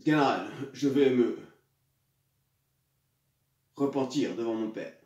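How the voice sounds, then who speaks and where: A man's voice: mid-range voice, slow, a little mellow, dull audio, natural voice. A man playing a suave, hypocritical nobleman seducer in classical French theatre, declaiming in a pompous, hammy stage manner. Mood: grandiose, scheming. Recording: echoey room, far from mic.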